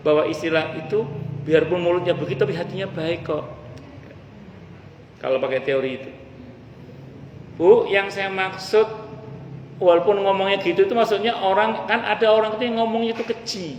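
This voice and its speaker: A preacher with a fairly high voice gives a relaxed, joke-filled religious lecture in a mosque, turning to speak straight to the ladies among his listeners. The echoey hall carries faint ambience, plus a little hiss or hum.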